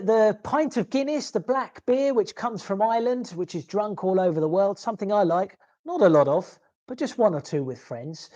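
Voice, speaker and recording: Animated teacher checking in with learners. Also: male voice, high-pitched, muffled recording. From London. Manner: animated, checks in with listeners, okay and yeah. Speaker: English exam teacher. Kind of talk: online lesson on a video call.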